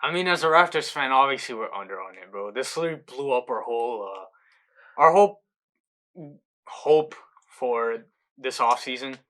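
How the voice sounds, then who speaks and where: A man's voice: mid-range voice, lively intonation, normal speed, fairly bright tone. A man co-hosting a casual sports podcast, laid-back, trailing off in volume at the ends of phrases. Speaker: podcast co-host.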